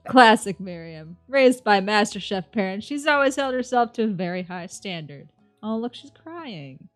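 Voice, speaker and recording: A woman's voice: medium pitch, animated, normal speed, soft background music. A woman reading a dating sim aloud among friends, swearing and laughing often. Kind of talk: casual gaming chat and narration.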